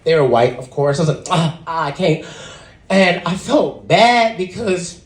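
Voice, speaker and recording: A young man telling a stand-up story with a fairly high voice that leaps up when he acts out other people. His voice carries a roomy echo. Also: measured pace. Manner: animated, acts out quotes with big pitch jumps. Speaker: stand-up comedian.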